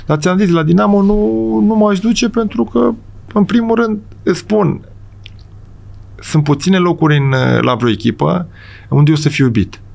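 A middle-aged football coach speaks in a casual podcast interview in a studio, emphatic and rambling, often restarting and checking in with the host. His voice is high-pitched and a little mellow, with vocal fry.

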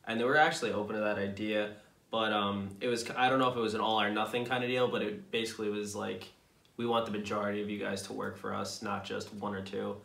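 A man's voice: on the low side, fast talker, vocal fry. A young man co-hosting a vlog, casually telling a story to camera with easy laughter, seated in a small room. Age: young adult. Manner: relaxed storytelling, laughs often. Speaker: vlog co-host. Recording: echoey room.

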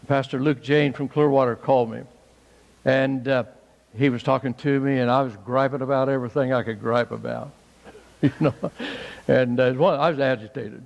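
Gravelly-voiced older man preaching emphatically. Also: big-room sound, highs cut off. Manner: emphatic preaching that jumps to high exclaims. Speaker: pastor. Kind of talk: sermon. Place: church sanctuary.

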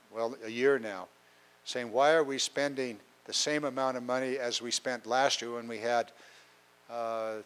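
A man's voice: medium pitch, fairly bright tone, clean tone. Older man at a town hall mic. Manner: plainspoken, exasperated, many uh fillers. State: getting a cold. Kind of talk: public town hall talk. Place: large council chamber with an audience. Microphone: handheld mic.

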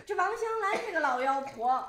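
A woman's voice: high-pitched, lively intonation, normal speed. An actress playing a young woman home on leave, blunt and exasperated with her family. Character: young woman, sharp-tongued aunt. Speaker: daughter and aunt home on leave. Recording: echoey room with background noise.

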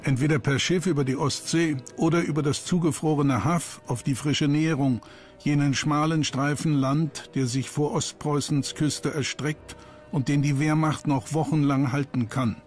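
A man reading a scripted history documentary narration in a sober, measured manner. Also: on the high side, steady tone. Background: background music.

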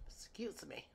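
A nail artist vlogger, congested and sniffly from being sick, unboxes nail gel at her home desk indoors and chats casually with viewers she calls "y'all." She's chatty and self-amused. Her voice sits on the high side, creaky, bright and forceful, with slight roughness.

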